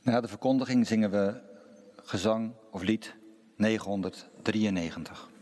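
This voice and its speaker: A man preaching a sermon as pastor and reading scripture aloud, slow and deliberate with pauses. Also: lowish voice, a little mellow, a little hiss or hum. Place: church. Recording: long reverb of a church hall.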